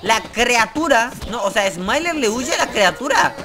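A man giving excited gameplay commentary as a gaming YouTuber, swearing and yelping in fright. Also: very high-pitched, unhurried. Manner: jumpy, swears, yelps and screams in fright. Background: game music.

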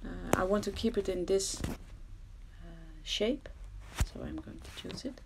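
A Dutch woman with a medium-pitched, creaky voice leads a casual screen-recorded crafting tutorial from someone else's home. She speaks steadily and unhurriedly, but hesitantly and self-deprecatingly, often dropping to a murmur. Background noise is audible.

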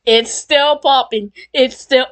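A woman voicing an excitable plushie that reacts to a video with sarcastic, exasperated remarks. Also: high voice, slow pace, noisy background. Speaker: reaction commentator.

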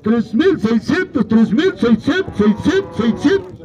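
High-pitched auctioneer man. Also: animated, measured pace, highs cut off. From Peru. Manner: repetitive rhythmic number chanting. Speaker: livestock auctioneer. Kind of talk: Spanish auctioneer chant, calling out rising bids. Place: outdoor dirt livestock show ring. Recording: noisy outdoor fairground recording.

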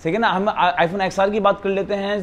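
A man with a Pakistani accent giving an eager, repetitive teleshopping-style sales pitch as a phone retailer. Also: fairly even intonation, a little fast. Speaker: phone retailer presenting stock. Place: living room of a house, indoors. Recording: some background noise in a room.

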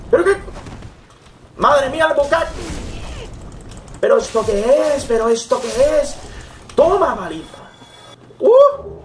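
A young man gives excitable Let's Play commentary, swearing and yelping at the game. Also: high-pitched, slight background noise. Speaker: gaming YouTuber.

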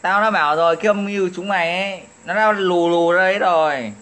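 An online commentator with a high-pitched, fairly bright voice rants quickly to camera, taunting his critics with profanity and laughing at them as he insults them.

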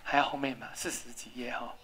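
A woman's voice: a bass voice, fairly even intonation, quick pace, a bit bright, a little hiss or hum. A woman English teacher, leading a classroom lesson and patiently drilling spelling and pronunciation.

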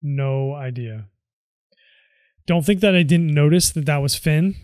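A man's voice: on the high side, a little slow, darkish tone, no echo, studio quality. A tired man mumbling casual commentary to himself as he plays a video game. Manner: mutters reactions to himself. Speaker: let's play host.

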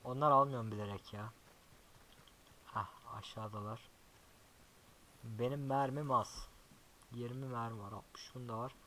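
A young man giving casual gameplay commentary as a YouTuber, chatty and swearing often, talking softly to his horse now and then. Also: mid-range voice, fairly even intonation, measured pace, long pauses, a little hiss or hum, rough recording. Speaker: gaming YouTuber.

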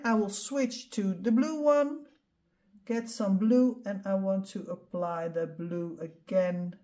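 A middle-aged Dutch art instructor from the Netherlands narrates a painting tutorial in English, her second language. In a lowish, mellow, soft voice she speaks unhurriedly, calmly explaining each step as she demonstrates.

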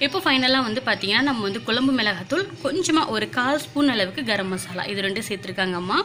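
A woman's voice: fairly high pitch, animated, quick pace, sharp tone, slight background noise. A woman, narrating a casual home vlog in a chatty way, full of filler words. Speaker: vlogger.

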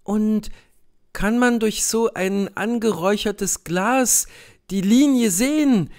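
A man's voice: sits high, slow, darkish tone. A man doing a naive, curious young woman.

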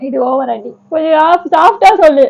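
A woman's voice: sits high, creaky, highs cut off, a crowd in the background. A young woman at home pulling a fake crying prank, whining and repeating herself between put-on sobs. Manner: whiny, drawn-out fake sobbing, repeats herself. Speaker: vlogger wife pulling a prank. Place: home, indoors.

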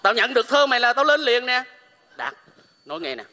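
A man's voice: very high voice, sing-song, a little fast, pushed and bright, full character voice. An actor playing an earnest, loyal man who speaks and sings in a cải lương stage drama. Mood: eager. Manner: earnest, pleading. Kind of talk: cải lương singing and dialogue. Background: traditional music accompaniment.

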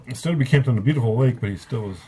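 Talking rapid-fire in a mellow, medium-pitched voice, a male book reviewer gives a casual review at a table, rambling and offhand, repeatedly correcting himself. A little hiss or hum is audible.

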